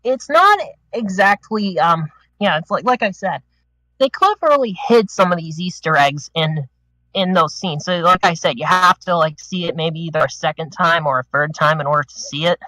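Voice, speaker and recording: A man's voice: on the high side, expressive, normal speed, bright, forceful tone, no room sound, rough recording. A man chatting on a group podcast call, a little out of breath and rambling through his points. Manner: rambling, restarts with "the thing is". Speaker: podcast panelist. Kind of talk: casual group discussion.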